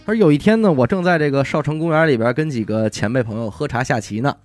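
A man's voice: mid-range voice, quick pace, faint music behind. A man, hosting a podcast and retelling a story in casual chat, often dropping in little 'ai' interjections. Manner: lively retelling with frequent 'ai' interjections and laughs. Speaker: podcast host.

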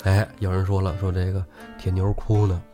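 A low-voiced man tells a classic tale in a relaxed, chatty podcast style. He laughs often and slips into the characters' voices. Faint music sits behind him. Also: moderate pace. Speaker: host storyteller. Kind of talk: casual storytelling podcast.

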